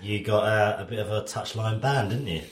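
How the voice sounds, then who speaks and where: Male podcast co-host, low voice, deadpan, casual bantering chat. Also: moderate pace, roomy sound, loud music behind the voice.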